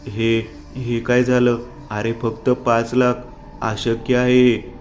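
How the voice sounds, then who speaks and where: A man's voice: mid-range voice, little pitch movement, slow pace, a little hiss or hum, close to an everyday voice. A man voicing a desperate young man who has lost everything, panicked and pleading. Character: desperate young man ruined by bad investment.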